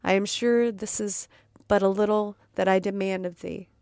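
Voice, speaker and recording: A tormented vampire count pleads in slow, swelling, anguished phrases, as a woman reading the story puts him on. The voice is smooth and gravelly, and the sound is dry and close. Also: mid-range voice, steady tone, darkish tone, no echo, close to an everyday voice.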